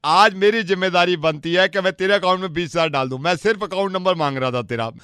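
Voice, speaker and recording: A male radio host doing prank calls in a dry, close studio sound. His voice sits a little high, and he is playful and mock-offended, pleading and scolding the people on the line. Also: quick pace, sharp tone, clear, resonant tone, no echo.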